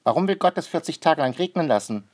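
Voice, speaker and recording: A man voicing a fussy, curious male water bird in a read-aloud storybook, talking in a high, questioning, naively clever way. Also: expressive, quick pace.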